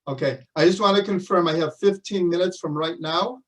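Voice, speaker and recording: A man, a rabbi, opens his online lecture and welcomes students in a warm, measured way. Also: sits high, far from the mic, rough recording.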